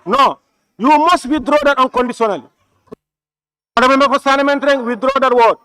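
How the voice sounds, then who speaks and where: Male presiding officer, high and crisp, shouting order and issuing stern, repeated commands in formal debate. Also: quick pace, no echo. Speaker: parliament speaker presiding over session. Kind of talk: formal chairing of heated parliamentary debate. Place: parliament chamber.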